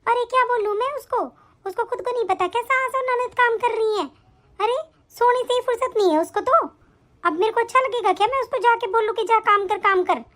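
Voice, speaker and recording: A woman plays a middle-aged mother-in-law in an animated family story, scolding and scornful. The voice sits very high, almost childlike, and her lines come as commands. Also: a little fast. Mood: complaining. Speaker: voice actor in an animated family drama.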